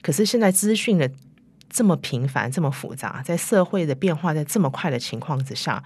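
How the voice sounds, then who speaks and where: Low-voiced woman, foreign-tinged Mandarin with English mixed in. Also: animated, fairly quick, darkish tone, slightly rough, no room sound. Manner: mixes English words and tags like "right" into Mandarin. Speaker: interview guest, company chief executive. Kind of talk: conversational interview answers. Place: recording studio.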